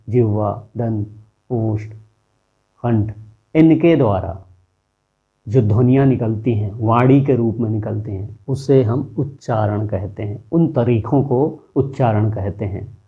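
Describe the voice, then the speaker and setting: A man's voice: medium pitch, narrow, tinny audio. A man teaching a lesson, explaining step by step and posing rhetorical questions to his viewers. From India.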